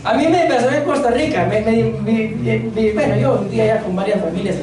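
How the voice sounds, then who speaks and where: A woman's voice: on the high side, brisk, background noise. A woman preaching a church sermon, quizzing the congregation and joking between points. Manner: asks the congregation questions, jokes between points. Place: church hall. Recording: very echoey church hall, mic far off.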